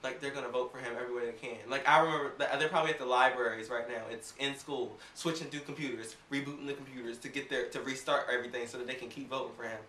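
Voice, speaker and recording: A woman casually reviewing an awards show in a sassy, animated, gossipy way, acting out quotes as she talks. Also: very deep voice, racing, hardly any pauses, distant mic, slight background noise. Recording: roomy, off-mic home recording.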